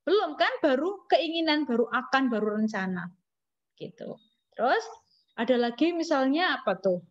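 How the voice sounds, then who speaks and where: A woman with an Indonesian accent teaches an English classroom lesson in a high, very animated voice at normal speed. She's chatty and teasing, posing questions and answering them herself, captured on a dull lo-fi recording.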